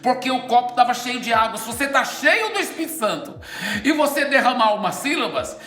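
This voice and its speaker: A man preaching and teaching with a glass of water as an object lesson, animated and often checking in with his listeners. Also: very high-pitched, brisk. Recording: echoey room with soft music.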